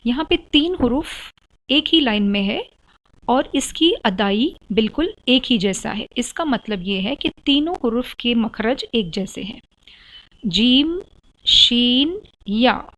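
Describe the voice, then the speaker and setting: Woman, patient pronunciation teacher, fairly high voice, slow deliberate delivery. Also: animated, low-quality recording. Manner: patient, repeats letter sounds slowly and deliberately for the learner. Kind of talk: slow, explanatory lesson, switching between Hindi-Urdu and English.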